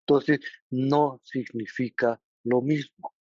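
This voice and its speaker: A man with a Mexican Spanish accent teaching a study group, halting and often pausing to check that listeners follow. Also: mid-range voice, steady tone, a little mellow, no echo. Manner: checks understanding with frequent tag questions; halting, with many restarts and filler words. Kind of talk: explanatory lesson. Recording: dull, lo-fi recording.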